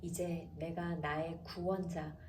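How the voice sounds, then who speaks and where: A woman announcer reading the Bible aloud in a calm, measured way, slowing down for the chapter headings. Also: sits low. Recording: roomy echo, distant from mic, faint background noise.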